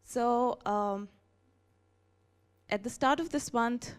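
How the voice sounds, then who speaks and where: Brief: female presenter, earnest, slightly high voice. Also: slow pace, smooth. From northern Pakistan. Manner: earnest, with frequent fillers. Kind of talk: conference presentation.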